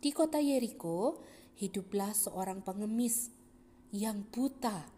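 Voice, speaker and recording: A woman narrating a Bible story for children in a lively, expressive way. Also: mid-range voice, slight background noise.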